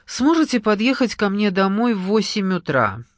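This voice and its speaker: A reader voicing a calm, obliging middle-aged male university scientist in an audiobook, measured and reassuring. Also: high-pitched, no room sound, clean studio sound. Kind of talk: audiobook character reading.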